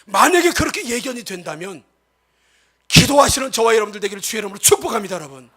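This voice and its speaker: A male pastor giving a lively sermon, acting out quoted speech and often addressing the congregation directly. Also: sits high, quick pace. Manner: animated, acts out quoted speech.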